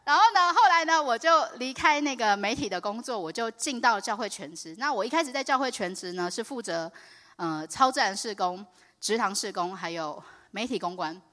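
A woman gives an animated sermon in a reverberant church hall. Her voice sits fairly high and swings widely in pitch. She often rises into loud, excitable exclamations as she tells her story. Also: a little fast. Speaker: preacher.

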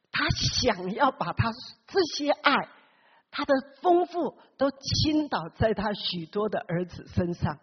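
Woman preacher, high husky voice, questions the congregation and acts out the characters; dull lo-fi recording with long hall reverb. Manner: keeps asking the congregation questions; acts out the Bible characters with big swings in pitch. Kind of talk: sermon.

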